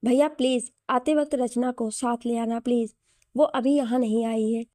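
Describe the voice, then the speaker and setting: A woman's voice: fairly high pitch, steady tone, normal speed, mellow, no room sound, studio quality, natural voice. Woman reading as a pleading young sister.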